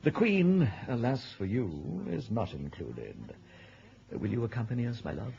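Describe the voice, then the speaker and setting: An actor in a radio drama playing a genial, noble king with a husky, gravelly voice and a courtly, bantering manner. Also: mid-range voice, very animated, unhurried, dark tone. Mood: teasing, hearty. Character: genial, noble middle-aged king, hearty and teasing. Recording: muffled old radio recording.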